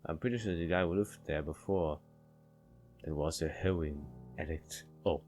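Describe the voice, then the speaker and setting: Faint music plays behind a man with a rumbling low, darkish voice as he reads visual novel narration at normal speed. He's a let's player reading aloud and now and then stumbles over words.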